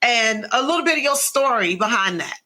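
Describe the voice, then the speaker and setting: A woman hosts a podcast conversation with a bright, slightly high voice. She speaks earnestly and encouragingly, with faith running through her words. Her tone is warm in intent and steady. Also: brisk. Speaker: podcast host.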